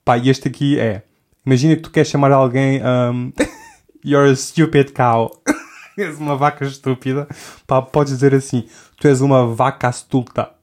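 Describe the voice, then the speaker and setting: At a moderate pace and in a steady tone, a young man with a medium-pitched, slightly mellow voice and a European Portuguese accent hosts a podcast. It's a loose, casual comic monologue where he keeps interrupting himself and laughs often.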